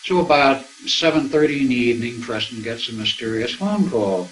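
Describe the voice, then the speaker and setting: A man's voice: medium pitch, animated, normal speed, slight background noise, low-quality recording. An older man recounting personal experiences in a rambling, conversational way, acting out the dialogue as he goes. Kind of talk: anecdotal storytelling.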